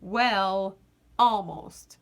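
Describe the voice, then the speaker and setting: With a mid-range voice, a woman reads a children's picture book aloud as an expressive storybook narrator. She phrases things deliberately and leans on dramatic pauses.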